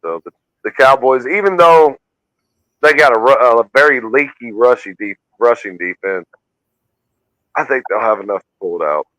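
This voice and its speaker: A man co-hosting a casual sports podcast, talking haltingly with lots of fillers and some swearing. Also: mid-range voice, pushed and bright, dry recording, poor audio. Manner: hesitant with many fillers, swears. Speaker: podcast co-host.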